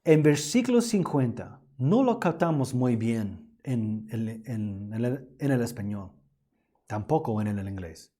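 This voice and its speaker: A man teaching an online Bible lesson, explaining slowly and often restarting his phrases. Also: medium pitch, animated, mellow.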